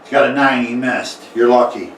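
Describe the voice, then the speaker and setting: Halting man running a tabletop game. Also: medium pitch, steady tone, gravelly. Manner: halting, many fillers and restarts. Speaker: game master. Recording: echoey room, mic far off, faint noise.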